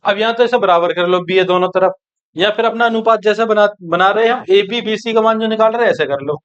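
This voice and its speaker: A man teaching an exam-prep maths lesson, brisk and coaxing, who keeps checking that his students follow. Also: sits high, a bit bright, clean tone, highs cut off.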